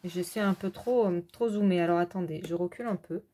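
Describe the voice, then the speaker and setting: A woman casually showing her coloring books, rambling with fillers and quick self-corrections. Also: on the low side, warm tone. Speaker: adult coloring hobbyist. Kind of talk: casual show-and-tell.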